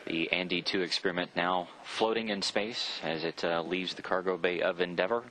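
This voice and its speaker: Male mission commentator, low and bright, matter-of-fact live spaceflight narration, faint noise behind. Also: steady tone, poor audio. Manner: measured, informative, matter-of-fact. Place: mission control room. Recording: faint background noise on broadcast feed.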